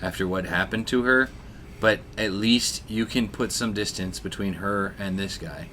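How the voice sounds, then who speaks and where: Lower-voiced man, earnest and halting. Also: pushed and bright, a little hiss or hum. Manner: earnest, halting, full of fillers. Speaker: podcast co-host. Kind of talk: satirical podcast chat.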